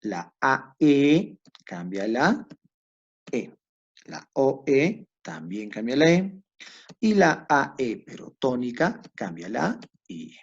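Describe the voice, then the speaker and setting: Male teacher, animated swinging pitch, husky voice, muffled lo-fi recording, lecture. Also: slow. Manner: asks himself questions and answers them, addresses students directly. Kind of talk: classroom lecture. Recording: dull lo-fi recording.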